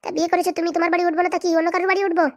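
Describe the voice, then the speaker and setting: A woman's voice: very high-pitched, flat delivery, racing. A woman voicing a bold, jilted young wife in a cartoon comedy who complains insistently and demands money. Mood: aggrieved.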